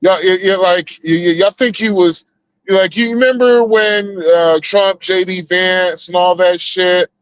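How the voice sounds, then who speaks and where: Man on a video call, high-ish voice, casual profane rambling. Dull, dry call sound. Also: smooth, no room sound. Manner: rambling and profane, with many restarts. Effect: heard over a video call, breaking up. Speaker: co-host on a live stream. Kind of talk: casual political rant.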